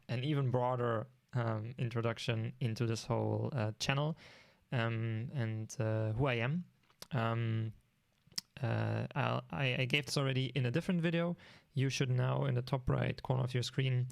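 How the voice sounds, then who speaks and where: Hesitant German-accented male tutor, gravelly tone, mid pitch, dry recording. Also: dry recording. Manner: hesitant, many ums and restarts. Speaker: programming course instructor. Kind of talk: informal online lesson.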